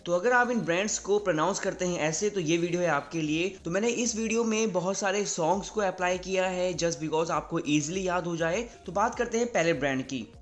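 A young Indian man giving a casual video lesson, repeating words slowly and often checking with "right?". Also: high voice. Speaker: English teacher.

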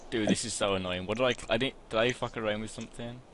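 A man talks over his game in a low-set voice that keeps jumping into loud, exasperated outbursts full of swearing. The noisy home recording picks up clattering keyboard clicks behind him. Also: very fast. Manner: excitable, swears a lot, loud frustrated outbursts. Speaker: gamer. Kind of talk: casual gaming commentary.

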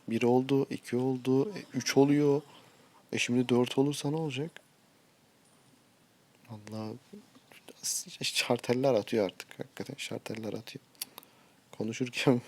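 A man's voice: medium pitch, gravelly, a little mellow. A short-tempered man streaming a mobile game, giving live commentary and ranting at his teammates.

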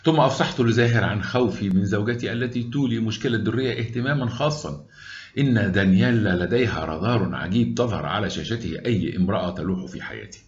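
A man with an Egyptian accent narrating a story aloud in a wry, unhurried way. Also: fairly low pitch, highs cut off. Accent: Egyptian Arabic.

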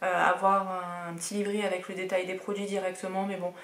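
A woman's voice: fairly low pitch, little pitch movement, a little fast, a bit bright, slight background noise. Woman, casual unboxing chat, enthusiastic, hesitant fillers, roomy echo. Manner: chatty, enthusiastic, many hesitations. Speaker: beauty box reviewer. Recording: roomy echoey room.

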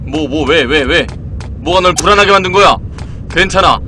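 High-voiced man yelling directions. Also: moderate pace. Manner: coaching a teammate, swinging between soothing and yelling. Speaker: gaming streamer. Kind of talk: horror game relay commentary. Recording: clear background noise, game ambience with crickets.

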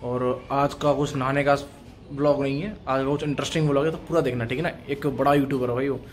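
A young Indian vlogger films on his phone on a busy city street, chatting casually with viewers and calling them brother. His mid-range, steady voice moves fast as he shouts over a pushing crowd, with loud crowd and street noise all around.

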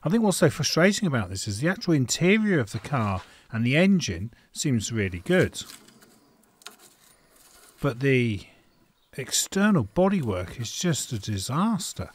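A man's voice: medium pitch, big pitch swings, unhurried, breathy edge. Wry man in a garage. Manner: wry, frank, thinking aloud with fillers. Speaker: home mechanic. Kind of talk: casual workshop narration. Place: indoor garage workshop. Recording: faint noise and tool clicks.

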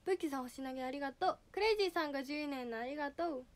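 High-voiced teen girl idol livestreaming. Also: very fast. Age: teens. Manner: reads out viewer names, bright greetings. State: slightly nasal. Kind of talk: casual livestream chat.

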